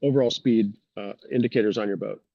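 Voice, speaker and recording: A man from New England talks fast and rambles over a video call. He circles back and restarts as he explains. The sound is dry and a little muffled. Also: fairly low pitch, vocal fry, dry recording. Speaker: guest sailor.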